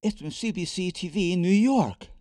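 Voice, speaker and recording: A man's voice: high-pitched, lively intonation, normal speed, mellow, no room sound, clean studio sound, pitched above the performer's own voice. A man voicing a proud mother who gushes over her son's news. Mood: excited. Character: warm, proud mother of a boy.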